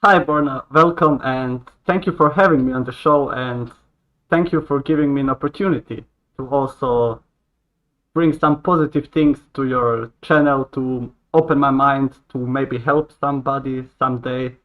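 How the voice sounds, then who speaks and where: A man in his late twenties from Croatia, a podcast guest, talking earnestly in a halting way with many restarts. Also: mid-range voice, steady tone. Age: 20s. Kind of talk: casual conversation. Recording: dull lo-fi sound.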